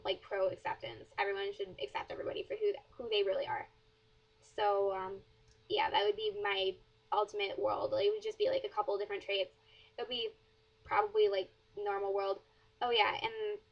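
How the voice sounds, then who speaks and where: Through a dull, lo-fi recording that sounds like a cheap webcam mic, a teenage blogger from southern Wisconsin works through follower questions for a casual Q&A vlog. Her voice is light and mid-range with a flat, level tone, and she rambles with plenty of "um" and "like."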